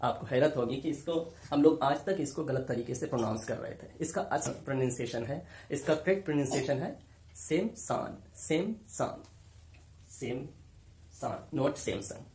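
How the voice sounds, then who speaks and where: A man's voice: medium pitch, a little fast, hardly any pauses, a little mellow, reverberant. A man teaching English pronunciation, repeating each word several times as he drills it. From South Asia. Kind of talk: spoken English lesson.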